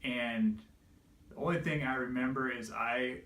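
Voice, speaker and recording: A man's voice: medium pitch, fairly even intonation, measured pace, fairly bright tone. A man telling an emotional personal story, tearful and laughing through it, his voice breaking. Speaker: vlogger. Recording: roomy echo, distant from mic.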